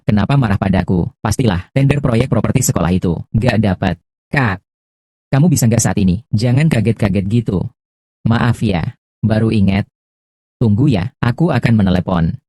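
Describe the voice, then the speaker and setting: A man reading all the dialogue of a dubbed drama, voicing every character in one steady, quick delivery. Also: lowish voice, no room sound, studio quality. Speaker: voice-over reader of a dubbed drama. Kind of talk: fast scripted dialogue dub read in one voice.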